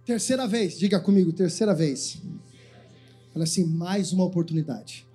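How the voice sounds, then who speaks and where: A man's voice: high voice, moderate pace, warm tone, faint music behind. A man preaching a sermon as pastor, giving the congregation commands to repeat after him. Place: church.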